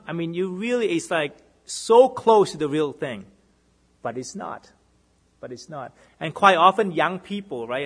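Speaking with a Boston accent, a minister preaches a sermon in a voice that is a bit husky and pitched higher than usual. He repeatedly asks the congregation "right?", moving between emphatic rises and quiet, lowered repetitions.

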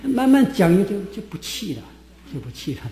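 Male preacher, mellow voice, folksy sermon with filler sounds, reverberant hall. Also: high-pitched, huge pitch swings, normal speed. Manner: folksy Bible teaching with many "ah" fillers. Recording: echoey hall with faint ambience.

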